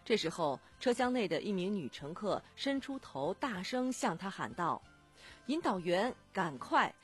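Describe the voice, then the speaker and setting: A woman presenting local radio news in a scripted, lively newsreader delivery. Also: mid-range voice, normal speed, faint music behind.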